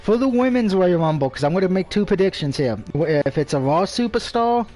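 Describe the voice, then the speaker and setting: Soft music plays behind a man offering rambling, sweary commentary on his live gameplay stream, opinionated about everything and speaking with a speech impediment. His voice sits high, expressive and a little mellow, at a fairly quick clip.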